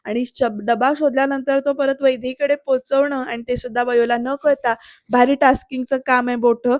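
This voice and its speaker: High-voiced woman recapping a TV episode. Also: moderate pace, no echo, highs cut off. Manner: lively storytelling, addresses viewers directly. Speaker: serial reviewer. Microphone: close voice-over mic.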